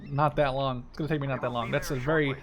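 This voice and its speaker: This gaming video host, a man in his 20s of Dutch background living in Canada, talks fast at a medium pitch with fairly even intonation. He rambles enthusiastically through the gameplay and swears a lot, while clear war strategy game audio runs underneath.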